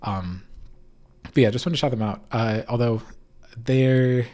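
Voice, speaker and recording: A man's voice: mid-range voice, unhurried, darkish tone. A man hosting a casual esports recap in an informal, hedging way, his voice echoing in an unfurnished room. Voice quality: echoey, reverberant room sound. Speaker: podcast host. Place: echoey unfurnished room at home.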